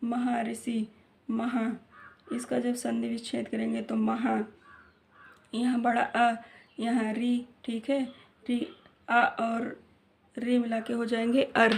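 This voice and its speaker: A woman's voice: a little high, monotone. A woman teaching a grammar lesson, repeating each point and quizzing with questions that she answers herself. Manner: slow and repetitive, quizzing with questions and answering them; clears throat now and then. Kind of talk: classroom lesson.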